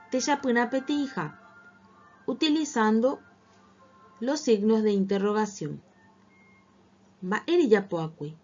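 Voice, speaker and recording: A woman teacher narrating a scripted language lesson, reading slowly and articulating each word with care. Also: fairly high pitch. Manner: slow, careful, clearly articulated reading. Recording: dull lo-fi recording. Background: faint background music.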